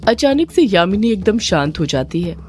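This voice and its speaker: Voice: big pitch swings, moderate pace, slight background noise. A narrator reading a dramatic audio story and acting out each character's lines. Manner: acts out every character's lines with raised pitch.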